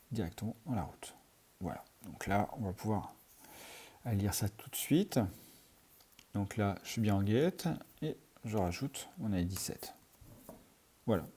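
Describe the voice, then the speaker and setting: A man's voice: fairly low pitch, mellow, slightly rough. A man teaching programming in a screencast, talking through his code as he types, with many fillers. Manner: thinks aloud while typing, many fillers. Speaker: programming tutor. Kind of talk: screencast coding tutorial.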